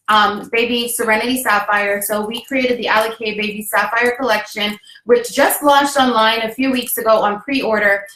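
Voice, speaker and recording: A woman's voice: a little high, pushed and bright. Upbeat chatty woman in an echoey room. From Jamaica. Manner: upbeat, chatty, laughs often. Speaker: host. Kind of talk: casual livestream chat.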